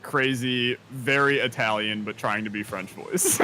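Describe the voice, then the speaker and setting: An American man co-hosting a casual gaming chat, easygoing and quick to laugh. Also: mid-range voice, fairly even intonation, sharp tone, a little hiss or hum. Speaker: co-host.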